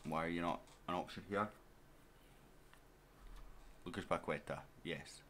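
A man's voice: deep voice, measured pace, a bit bright, a little hiss or hum. A man giving casual let's-play commentary as a gaming YouTuber, chatting straight to his viewers and to his players.

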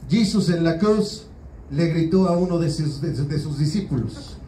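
At a small open-mic spot, a Mexican-accented comedian tells crude, slangy stories packed with "güey," his voice fairly high, mellow, and animated at a slightly slow pace. He is captured on a distant mic, so the sound is roomy with faint background noise.

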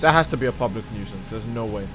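A man streaming a video game, rambling casually, swearing and reacting loudly to what happens on screen. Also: on the low side, expressive, fast, noisy background. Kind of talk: casual gaming stream chat.

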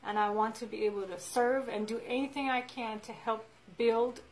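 An Egyptian woman in her forties, a guest, tells her story in casual chat, earnest and often restarting her sentences. Her voice is fairly high, with fairly even intonation and normal speed. The poor-quality audio comes from a small indoor room with a wall chart.

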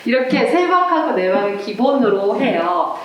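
Seated indoors, a woman teaches an online flamenco rhythm class to viewers, counting beats aloud in a friendly way. Her voice is fairly high, very animated and at a moderate pace. She is recorded from a distance, off-mic, in a very echoey room.

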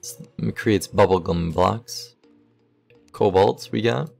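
A young man giving relaxed, casual commentary over his game, thinking aloud as he sorts items, with the hiccups. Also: lowish voice, slow pace, gravelly, faint music behind. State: has the hiccups. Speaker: gaming YouTuber.

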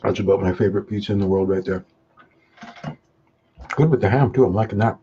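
This man talks fairly quickly in a dark voice. He's a hot sauce vlogger from Canada, eating spicy pizza live on webcam, sweating from the peppers and humming and chewing between brief comments. Audio from the webcam mic is dull and low-fi, with a faint noise floor.

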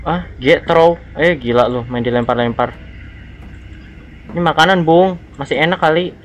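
A man talks through a horror game in a slightly high voice, reading the on-screen text aloud. He sounds jumpy and nervous throughout. A faint hiss sits under the recording. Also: moderate pace. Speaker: gaming channel host. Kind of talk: horror let's-play commentary.

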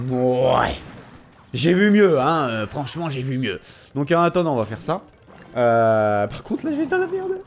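Animated young man with a sore throat. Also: on the high side, slight background noise. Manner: animated, teasing, talks to his opponent. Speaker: gaming video creator. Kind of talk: casual live game commentary. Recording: faint music underneath.

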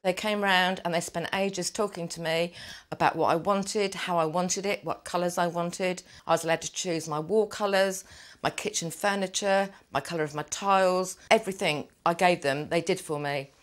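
A woman's voice: on the low side, fairly even intonation, normal speed. An older woman with an English accent, a tenant, chatting enthusiastically in a documentary interview in her living room.

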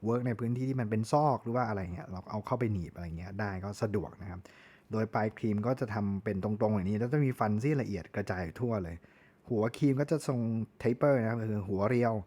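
A man's voice: lowish voice, fast, warm tone. A Thai man giving a chatty tool review, often correcting himself and spelling words out. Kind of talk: casual product review.

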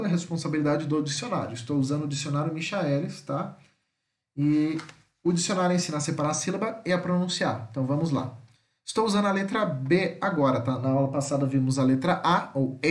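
A man's voice: on the high side, echoey room. A man, an English teacher, explaining a vocabulary lesson step by step and checking in with his students often.

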